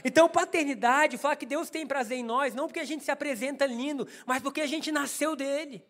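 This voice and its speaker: A pastor with a Brazilian Portuguese accent preaches to his congregation in a very high voice for a man. He tells a personal story with humor and speaks straight to the listeners. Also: fairly quick, a bit bright. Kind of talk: sermon.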